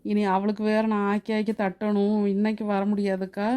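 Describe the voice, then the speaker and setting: A woman's voice: mid-range voice, completely flat delivery, brisk, warm tone, smooth, close to an everyday voice. [name], a woman voicing a sarcastic young daughter-in-law. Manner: mutters sarcastic asides. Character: sharp-tongued young daughter-in-law, grumbling.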